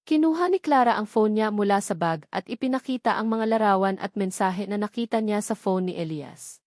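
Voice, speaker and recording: A woman with a Filipino accent narrates a scripted, dramatic romance story in a mid-range, slightly mellow voice. Her intonation is lively and her pace normal, captured as clean studio audio with no room sound.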